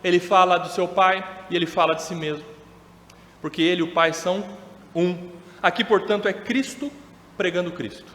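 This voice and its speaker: A Brazilian man preaching a sermon as pastor, measured and emphatic, slowing down to stress quoted words. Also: high voice, steady tone, a bit bright. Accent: Brazilian Portuguese. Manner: measured, emphatic preaching with slow drawn-out quotations. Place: church hall. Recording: echoey church hall.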